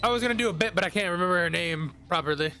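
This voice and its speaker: A man's voice: high voice, very fast, pushed and bright, soft background music. A young man co-hosting a let's play, chatting casually with lots of fillers, restarts and giggles. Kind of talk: casual gaming banter.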